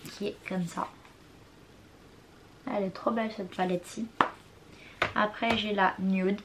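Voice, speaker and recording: A woman's voice: medium pitch, fairly even intonation, unhurried, heavy background noise. A young woman showing her makeup palettes in a casual vlog, chatty and unsure of product names, apologizing for her pronunciation. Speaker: beauty vlogger. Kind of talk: casual makeup collection show-and-tell. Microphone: compact camera mic.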